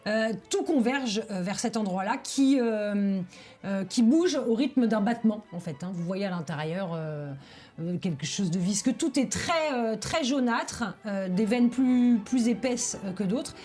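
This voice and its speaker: A woman game master improvising descriptive tabletop narration, often pausing to search for words. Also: mid-range voice, expressive, dark tone.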